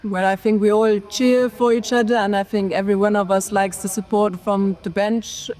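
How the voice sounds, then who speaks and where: A woman's voice: mid-range voice, normal speed, a little hiss or hum. Thoughtful woman athlete in her thirties. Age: 30s. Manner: relaxed, thoughtful, with fillers.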